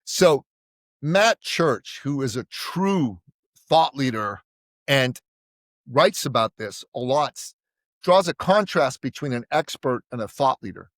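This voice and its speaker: A man's voice: mid-range voice, expressive, slow, no room sound, clean studio sound. A middle-aged man from Iran, a podcast guest, telling his family's story in an emphatic, orator-like way. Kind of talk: impassioned storytelling.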